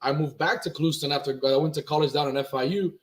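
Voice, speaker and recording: A man's voice: fairly high pitch, steady tone, quick pace. A young man from Miami whose first language is Spanish, talking casually as a guest with lots of fillers and restarts. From Miami, Florida. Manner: laid-back, rambling, many fillers and restarts. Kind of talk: casual interview talk.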